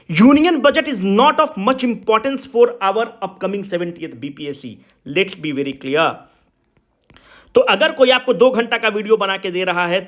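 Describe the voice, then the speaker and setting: A male exam coaching teacher, lecturing a class and slowing down to stress his English phrases. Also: sits high, fairly bright tone. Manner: mixes English and Hindi, slows down for emphatic English phrases.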